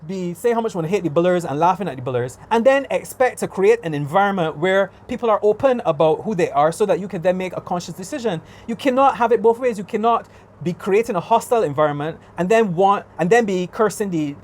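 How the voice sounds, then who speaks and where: A man's voice: high voice, expressive, fast talker. A man from Barbados with a Barbadian accent, ranting casually on his vlog, exasperated and emphatic, repeating his points. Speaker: vlogger. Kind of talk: casual rant.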